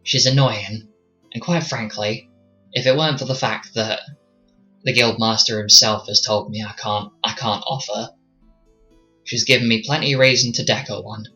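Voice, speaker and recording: A bright, forceful hyena man, played by a male game master in a tabletop roleplay. He is surly and condescending, snarling curt threats over background music. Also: fairly low pitch, fairly even intonation, moderate pace, muffled recording. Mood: gruff, irritated. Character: surly, threatening hyena man, dagger-carrying guild member.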